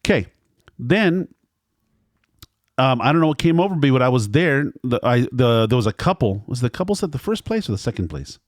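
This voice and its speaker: A man's voice: mid-range voice, big pitch swings, fairly quick, no echo, studio quality. A man recounting a restaurant visit in a casual, rambling way. He repeats himself and acts out what the staff said. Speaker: restaurant reviewer.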